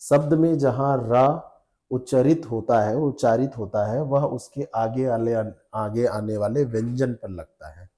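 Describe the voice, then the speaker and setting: A man's voice: mid-range voice, unhurried, mellow. A man teaching spelling rules to exam students, repeating each rule patiently and checking with the class. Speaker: Hindi exam tutor.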